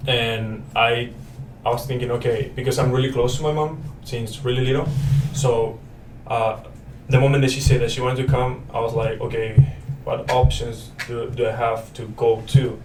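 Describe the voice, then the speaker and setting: A man's voice: mid-range voice, fairly even intonation, moderate pace, few pauses, far from the mic. A young man in his twenties from Paraguay, a native Spanish speaker, chatting as a student guest in a friendly, rambling way with many fillers and restarts. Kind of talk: casual interview chat. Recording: roomy, off-mic with faint noise.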